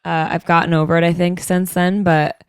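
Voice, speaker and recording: A woman's voice: lowish voice, level tone, normal speed, clear, resonant tone, no room sound, studio quality. Playful, teasing woman podcast co-host. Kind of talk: casual chat.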